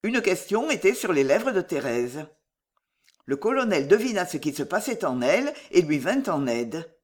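A reader narrating a classic novel in an expressive audiobook style. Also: mid-range voice, moderate pace. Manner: expressive reading.

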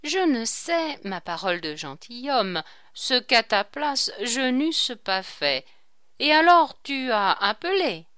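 A woman's voice: a little high, big pitch swings, slow, pushed and bright, smooth, dry recording, studio quality, exaggerated voice. A woman reading aloud, voicing a sly, mocking male court jester who teases with ironic questions. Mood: teasing.

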